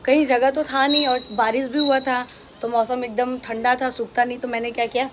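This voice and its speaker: A woman's voice: fairly high pitch, little pitch movement, brisk, noisy background. Chatty woman vlogging at home. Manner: chatty, narrates her day to viewers, switches to sing-song baby talk with her child. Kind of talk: casual home vlog chat. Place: home indoors.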